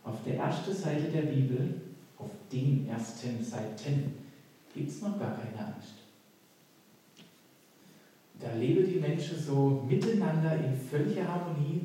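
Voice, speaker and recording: A man's voice: mid-range voice, warm tone, slight background noise. Man preaching in an echoey hall. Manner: earnest, conversational preaching with acted-out quotes. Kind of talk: sermon. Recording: echoey hall, voice picked up from a distance.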